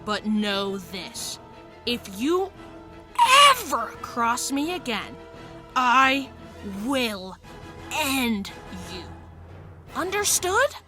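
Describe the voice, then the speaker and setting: A man voicing a menacing schoolyard bully who speaks in slow, drawn-out threats. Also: very high voice, wildly swooping pitch, music in the background, full character voice.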